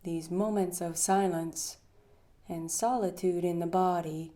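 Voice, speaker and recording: Poetry readings fill this woman's guided meditation, delivered in a fairly low, mellow voice with fairly even intonation. She speaks soothingly, pausing long and trailing off breathily at phrase ends.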